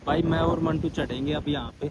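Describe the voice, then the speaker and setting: A man with a hoarse, scratchy throat narrating a casual outdoor vlog as he walks over dunes and up a forested hill, chatting to his viewers. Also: on the high side, steady tone, fairly quick. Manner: chatty, keeps calling viewers "brother". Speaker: vlogger.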